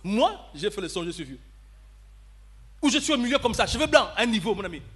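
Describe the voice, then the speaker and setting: A man preaching a storytelling sermon in church, acting out dialogue and swinging between shouting and low murmurs. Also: very animated, a little fast, husky. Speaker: pastor.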